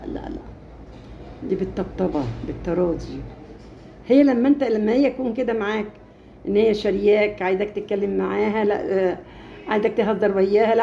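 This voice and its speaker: A woman's voice: mid-range voice, vocal fry, mellow, slight background noise. A woman with an Egyptian accent giving impassioned marriage advice, stressing her points by repeating phrases. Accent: Egyptian Arabic.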